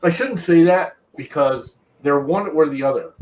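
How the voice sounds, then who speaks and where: A man's voice: on the high side, moderate pace, darkish tone, poor audio. A man in his fifties in a casual group chat, blunt and ranting, swearing casually. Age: 50s.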